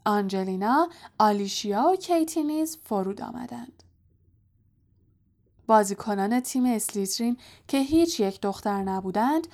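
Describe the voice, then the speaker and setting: A woman narrating an audiobook in a calm, soft storytelling voice. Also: medium pitch. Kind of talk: scripted narration.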